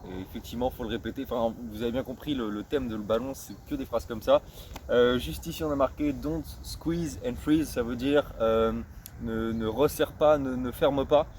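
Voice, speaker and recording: A street football vlogger explains a topic in a relaxed way, often pausing and repeating himself while he hunts for the right words. His ordinary mid-pitched voice is a little mellow with fairly even intonation, he says English phrases with slow, self-conscious care, and a faint noise hums in the background.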